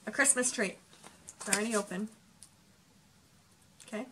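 A woman's voice: medium pitch, moderate pace, noisy background. A woman in her twenties chatting casually as co-host of a home challenge video, recorded by a camera across a table. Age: 20s. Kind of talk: casual chat. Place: small home room, indoors.

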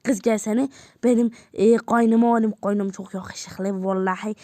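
A woman's voice: mid-range voice, fairly even intonation, unhurried, dark tone, no room sound, studio quality, pitched below the performer's own voice, natural voice. A woman voicing a nosy, blunt middle-aged auntie who bickers and teases in a doll-game role-play. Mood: bickering. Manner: bickering, teasing.

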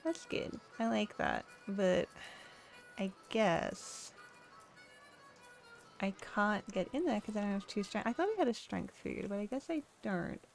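Gravelly-voiced woman playing a game. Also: medium pitch, animated, measured pace, soft background music. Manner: wry, chatty. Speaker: gamer. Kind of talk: let's play, reading game text aloud.

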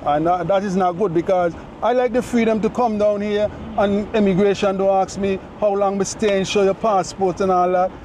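A man's voice: sits high, steady tone, moderate pace, hardly any pauses, a little mellow. A middle-aged man with a Caribbean accent chatting casually as a passenger while filming a vlog. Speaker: vlogger and passenger. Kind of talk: casual chat. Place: front seat of a moving car. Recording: clearly audible car road noise.

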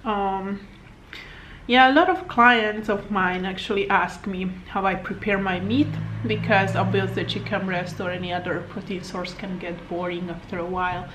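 Speaking in a mid-range voice at normal speed with fairly even intonation, this woman is heard over a noisy background. In her thirties, from Slovakia and a native Hungarian speaker with a Hungarian accent, she's a fitness coach chatting casually to camera indoors in her living room, the camera on a table at arm's length, rambling with fillers and little laughs.

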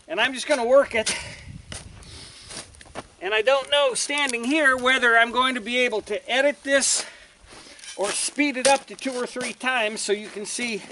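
An older man vlogs while working outdoors on his ranch, roosters crowing behind him, sounding a bit out of breath. His very high, pushed, bright voice moves at normal speed with frequent pauses, and his folksy, rambling talk restarts often over slight background noise.

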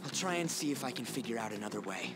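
A brash, hot-headed teenage boy played by a man in a video game, blunt and rough-spoken, his pitch swinging widely as he argues. Loud game music fills the background. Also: animated, quick pace, natural voice. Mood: agitated.

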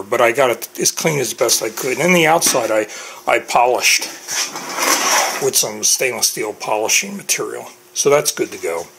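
A man's voice: medium pitch, slight background noise, rough recording. A middle-aged man casually walking through his boat maintenance projects in a home workshop, talking loosely with lots of fillers and restarts. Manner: relaxed, rambling with frequent fillers and restarts. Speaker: boat owner vlogger. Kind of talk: casual workshop how-to vlog. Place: home workshop garage, indoors.

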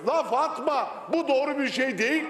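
A man's voice: very high-pitched, lively intonation, moderate pace, fairly bright tone. A man speaking as a member of parliament, exasperated, pleading with hecklers to stop. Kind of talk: parliamentary floor speech. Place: parliament general assembly hall. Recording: long reverb of a large chamber.

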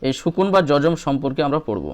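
A man's voice: a little high, lively intonation, quick pace, a little mellow. A man teaching a lesson on reading the Quran, patiently asking questions and then answering them himself. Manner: checks in often with short questions to the viewer. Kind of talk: step-by-step lesson walkthrough.

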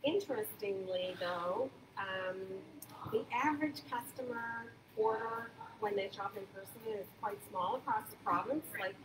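Speaking a little slowly in a mid-range voice, the older farmers market manager gives an eager, casual interview full of fillers and restarts. She's recorded by a phone camera a few feet off in a big indoor market hall, leaving an echoey, distant sound with a hum underneath.

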